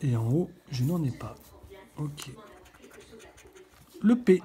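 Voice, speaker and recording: A middle-aged woman with a low, mellow voice talks her viewers through a scratch card. She thinks aloud in a relaxed, chatty way, checking letters one by one. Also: unhurried. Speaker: scratch-card video host. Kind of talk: casual running commentary while scratching.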